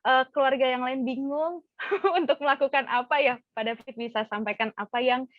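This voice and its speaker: A woman's voice: sits high, normal speed, no echo. A woman hosting a casual podcast interview, chatty with many fillers and affirming murmurs. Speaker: podcast host. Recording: dull dry lo-fi sound.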